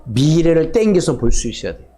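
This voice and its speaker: Animated male pastor questioning his congregation. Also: fairly high pitch, brisk, a little hiss or hum. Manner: call-and-response questioning, emphatic. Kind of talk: sermon.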